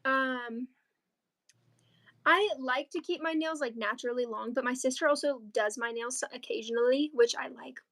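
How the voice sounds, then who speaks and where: The crochet livestream's teenage co-host talks at a moderate pace, her high voice a bit bright. She chats and rambles casually, leaning heavily on likes and ums.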